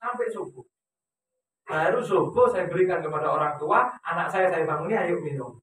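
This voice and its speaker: A man's voice: sits high, normal speed, a bit bright. A man preaching at a religious gathering, telling a story with animation and asking the audience questions. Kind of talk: Islamic religious talk. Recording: echoey hall, distant mic.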